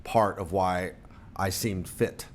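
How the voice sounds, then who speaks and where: An American man, representing a percussion company, speaks slowly as a guest on a casual podcast, his voice low and steady in tone. He rambles and gets self-deprecating, with lots of fillers and restarts.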